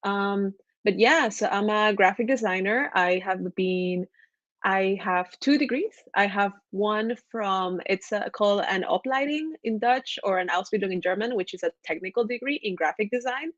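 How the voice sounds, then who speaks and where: A woman's voice: mid-range voice, normal speed, no room sound, muffled recording. A woman from Ecuador, a graphic designer, chatting as a guest on a video call in a talkative, enthusiastic way. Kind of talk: casual video-call chat.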